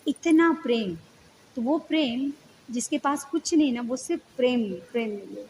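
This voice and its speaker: A woman's voice: high-pitched, animated, normal speed, darkish tone, a little hiss or hum, low-quality recording. A woman giving a devotional lecture who tells a story and explains it, often asking her listeners questions. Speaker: spiritual lecturer.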